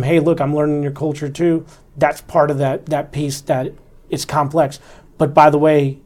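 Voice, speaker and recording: Earnest and instructive, a man in his forties who serves as an army officer looks back on his experience in an interview, circling back to the fundamentals again and again. He speaks at medium pitch in an even, level way that seldom climbs or dips.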